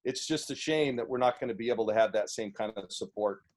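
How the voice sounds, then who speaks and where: Booming yet a little mellow, a head coach's voice carries over a video call as he answers the press. He talks earnestly, hesitating and restarting as he goes.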